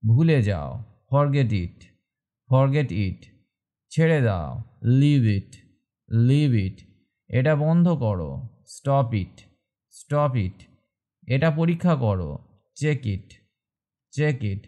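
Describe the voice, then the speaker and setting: A man teaching English, reading short phrases slowly and repeating each one twice. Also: medium pitch, sing-song, mellow. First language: Bengali. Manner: slow, deliberate drilling of short phrases.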